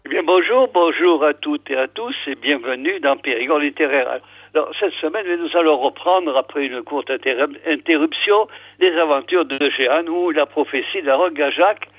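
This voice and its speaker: A man's voice: a little high, normal speed, dry recording, soft background music. An older man hosting a radio show and reading a book aloud, hesitating often with fillers. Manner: hesitant, full of "alors" and "euh". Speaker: radio host. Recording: tinny phone-like radio sound, dry.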